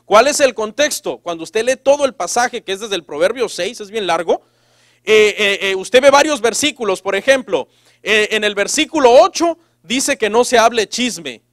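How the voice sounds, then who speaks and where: A man's voice: high voice, lively intonation, moderate pace, a bit bright, no room sound, clean studio sound. A man preaching a sermon as pastor in a sarcastic, joking manner, acting out the people he quotes in changing voices.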